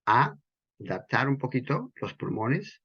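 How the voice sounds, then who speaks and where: A man explains breathing technique as a qigong instructor, with a husky, slightly breathy voice. He talks in an unhurried way and carefully repeats the key terms. The recording sounds dull and lo-fi. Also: mid-range voice, very animated, fairly bright tone.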